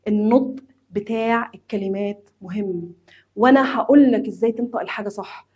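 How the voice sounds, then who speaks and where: Teaching English grammar, a woman with an Egyptian Arabic accent speaks straight to her students, repeating the main points emphatically and weaving in English terms. Her mid-range voice is warm and slightly rough, her pace fairly quick, and the audio dull.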